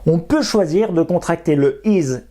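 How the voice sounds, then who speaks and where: A teacher giving a beginner English lesson in clear, step-by-step explanations, slowing down to pronounce each English example carefully. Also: mid-range voice, expressive, warm tone.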